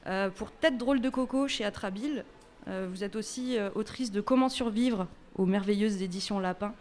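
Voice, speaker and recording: A woman co-hosting a podcast before a live audience, introducing guests with playful, deadpan teasing. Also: medium pitch, moderate pace, a little hiss or hum. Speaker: podcast co-host.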